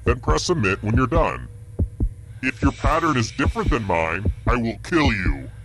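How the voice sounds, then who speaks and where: A sardonic killer game show host. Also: male voice, mid-range voice, big pitch swings, moderate pace, background noise. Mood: menacing. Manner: sardonic, menacing. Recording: music playing behind voice.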